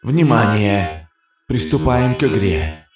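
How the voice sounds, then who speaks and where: A man reading a story voices a soft robot voice, neither male nor female, with no emotion or intonation. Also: fairly low pitch, slow, voice pushed up. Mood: cold. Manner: flat, without emotion or intonation. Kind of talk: audiobook narration. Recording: echoey, with loud music behind.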